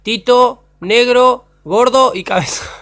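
A man shouting loudly from a distance into a phone call, asking for greetings. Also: extremely high pitch, slow pace. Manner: shouting names from afar.

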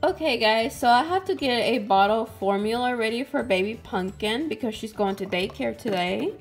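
A young woman who hosts a doll channel narrates doll-play cooking in a toy kitchen indoors, chatting sweetly to her viewers and a doll. Her voice is fairly high and animated at normal speed, with music playing in the background.

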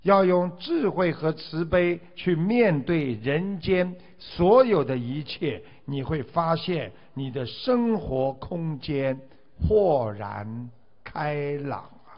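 A man's voice: a little high, very animated, slow. A man giving a Buddhist dharma talk, exhorting his listeners and stretching out drawn 'ah' particles between phrases. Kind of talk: sermon. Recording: dull lo-fi recording.

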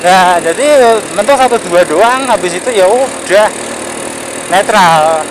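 An animated, high-pitched man talks while riding a motorcycle outdoors, his voice mixed with engine and road noise. As a motovlogger, he rambles casually, repeating phrases and pausing to recall words.

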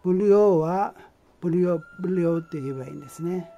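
Mellow-voiced man teaching language basics. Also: sits high, dull audio, slight background noise. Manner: patient, halting explanation with many fillers. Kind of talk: amateur language lesson.

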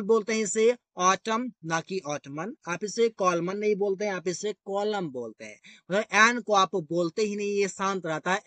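Bright, high-voiced man teaching. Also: dry recording. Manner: repetitive, addresses viewers as guys. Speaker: English teacher. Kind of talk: explanatory grammar lesson.

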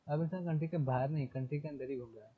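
A man's voice: on the high side, breathy edge. A male teacher explaining a lesson, repeating key terms and asking his students questions before answering them himself. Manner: reads English text slowly before explaining. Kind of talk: classroom lecture in Hindi mixed with English. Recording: phone-like lo-fi sound.

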